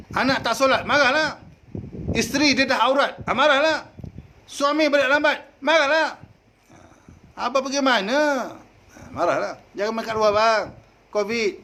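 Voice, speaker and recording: A man with a Malaysian Malay accent giving a folksy sermon, dropping frequent "ha" interjections and swinging from loud to soft. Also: extremely high pitch, lively intonation, measured pace, pauses often, slight background noise. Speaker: preacher.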